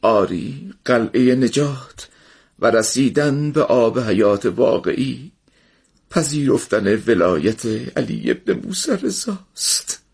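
A man voicing a grief-stricken young man who speaks in a husky, trembling, halting voice. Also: medium pitch, lively intonation, a little mellow, pitched above the performer's own voice. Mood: mournful.

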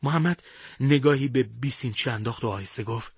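A man narrating a scripted war story in a measured, dramatic way. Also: mid-range voice, gravelly, husky, no room sound, studio quality.

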